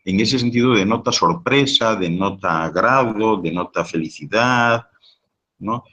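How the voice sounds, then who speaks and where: A man's voice: on the low side, measured pace, bright, forceful tone, lo-fi sound. A man giving a live talk, answering audience questions with long explanations and frequent rhetorical question tags. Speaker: guest speaker on sound and language.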